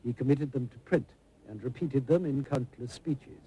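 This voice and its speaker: A man's voice: medium pitch, moderate pace, warm tone, husky, rough recording. A man reading scripted narration for a historical television documentary. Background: prominent music.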